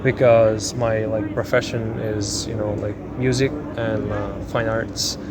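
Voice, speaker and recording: A man's voice: lowish voice, level tone, a little slow, very noisy. A man who works in music and fine arts, rambling with many fillers in an interview. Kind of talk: casual interview.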